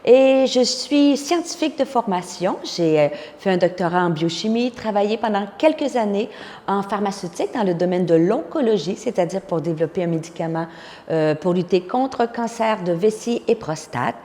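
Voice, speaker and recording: Speaking at a normal speed with an expressive, medium-pitched voice and a dark tone, a woman in her fifties from Quebec gives a personal testimony filled with encouragement. She has a Québécois accent and works as a pastor and conference speaker, and the recording carries a long reverb like a hall.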